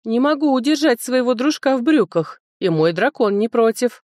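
A woman reading an audiobook and voicing a brash, amorous young man who is a dragon shifter, with a deep bass voice and a slow, pushy, teasing manner. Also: lively intonation, a little mellow, no room sound, studio quality, natural voice.

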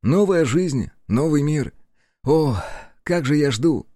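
A man's voice: on the high side, lively intonation, takes it slowly, mellow, dry recording, clean studio sound, voice pushed up. A man voicing an eager, hopeful male traveling official in an audiobook, speaking in a raised, earnest voice. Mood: excited. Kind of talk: audiobook character voice.

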